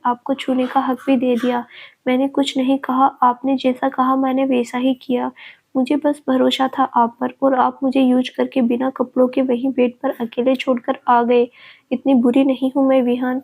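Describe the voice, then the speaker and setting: A woman's voice: high voice, completely flat delivery, normal speed, a little mellow, rough recording. A woman voicing a young woman who tearfully pleads with her lover, in a storybook reading. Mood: pleading. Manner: pleading, earnest.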